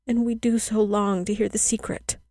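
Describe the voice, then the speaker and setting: A woman's voice: medium pitch, little pitch movement, moderate pace, dark tone, dry recording, clean studio sound, voice pushed up, close to an everyday voice. A woman voicing two young children begging eagerly in a storybook reading.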